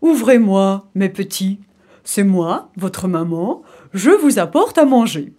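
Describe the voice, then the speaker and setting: A woman voicing a cunning big bad male wolf in a storybook reading, with a gruff growling voice that turns wheedling when he tries to fool someone. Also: medium pitch, big pitch swings, slow pace, dark tone. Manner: wheedling when disguised, snarling when angry.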